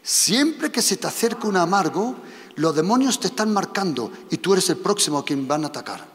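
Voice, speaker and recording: A man from preaching a sermon, animated and repeating his instructions to the congregation. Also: sits high, moderate pace. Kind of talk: sermon with live demonstration. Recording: long reverb of a hall.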